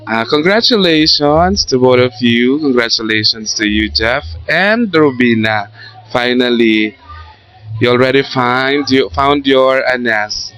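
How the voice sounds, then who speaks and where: A man with a Filipino accent giving a halting, casual congratulatory message. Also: medium pitch, fairly bright tone, clear, resonant tone. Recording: dull lo-fi sound.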